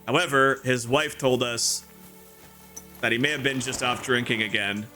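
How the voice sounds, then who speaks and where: A man's voice: mid-range voice, moderate pace, music in the background. A man giving casual video game commentary as a playthrough host, chatty, thinking aloud and given to exclaiming.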